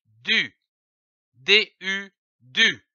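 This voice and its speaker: A man giving a reading lesson, slowly spelling out letters and syllables with careful articulation. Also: high voice, pushed and bright, dry recording. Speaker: reading teacher. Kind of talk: slow, deliberate phonics lesson. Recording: dull, dry lo-fi voice-over.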